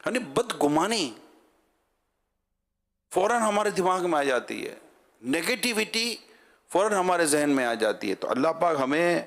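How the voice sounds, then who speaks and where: A man preaching a religious sermon to a gathering. He speaks in a lively, rhetorical way, putting questions to his listeners and leading them in loud chanted slogans. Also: fairly high pitch, gravelly, pauses often.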